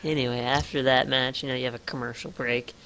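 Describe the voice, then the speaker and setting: A man's voice: medium pitch, level tone, quick pace, bright, forceful tone, a little hiss or hum. A man co-hosting a podcast in casual comedic chat, sarcastic and crude. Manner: sarcastic, crude, laughing asides, gives letter grades. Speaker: podcast co-host.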